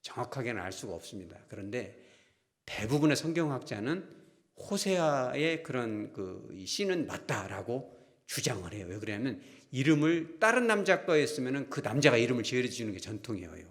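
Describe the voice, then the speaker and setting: A man preaching a sermon as pastor, telling stories in animated fashion, acting out quoted voices and putting questions to the congregation. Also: medium pitch, moderate pace.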